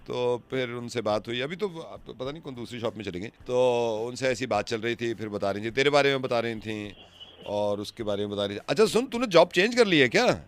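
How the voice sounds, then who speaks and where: A man's voice: medium pitch, expressive, fairly quick. A man playing a radio prank call, chatting along innocently while provoking the person on the line. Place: radio studio.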